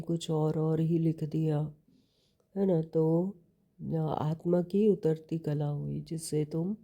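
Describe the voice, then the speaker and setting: Woman, devotional sermon, deep dark voice, unhurried, explanatory, rhetorical questions. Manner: explanatory, repeats key phrases, asks rhetorical questions. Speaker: spiritual teacher explaining a daily scripture reading.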